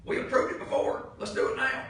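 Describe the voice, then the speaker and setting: A county commissioner, a man with a Southern US accent, speaks a little fast in a fairly bright voice. Heated, blunt, folksy and exasperated, he keeps repeating his points at this indoor public meeting. The room is noisy and very echoey, heard through a distant mic.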